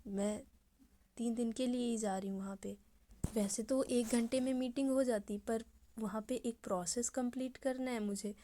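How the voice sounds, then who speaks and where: A woman voicing a calm young woman who gently teases and reassures her partner in a soft voice. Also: fairly high pitch, close to an everyday voice.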